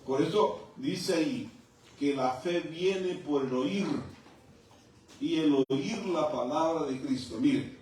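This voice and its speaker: A man's voice: fairly high pitch, takes it slowly, a little mellow. A middle-aged man preaching a fervent sermon in a church, often calling his listeners brother. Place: church hall. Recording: echoey hall from far off, faint noise.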